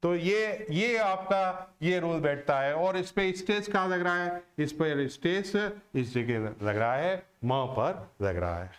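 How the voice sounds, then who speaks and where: Slow, high-voiced male English teacher. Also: lively intonation. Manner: slow and deliberate, asking and answering his own questions. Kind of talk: classroom lesson on word stress.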